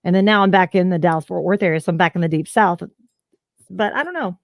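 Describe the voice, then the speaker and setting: Talking fast in a voice on the low side, this Southern US woman, a voice actor appearing as a guest, spins stories during a relaxed interview over video call. She's chatty and uses plenty of fillers, heard in a dry, clean studio recording.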